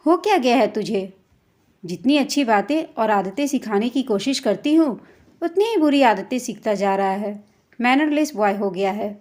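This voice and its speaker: A woman's voice: fairly high pitch, expressive, moderate pace, a little mellow, lightly acted. A woman voicing a strict young mother in a family story, coaxing and scolding her son. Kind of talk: storytelling role voice.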